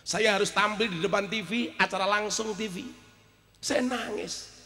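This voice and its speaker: Male preacher, high gravelly voice, swings between hushed and shouted sermon delivery. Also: normal speed, long reverb tail. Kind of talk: sermon storytelling.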